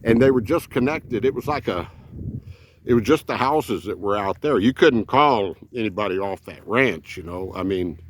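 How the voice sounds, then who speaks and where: Animated and moderately paced, this RV vlogger in his seventies tells folksy, meandering tales with a lowish voice. He uses plenty of fillers as he rambles through casual stories.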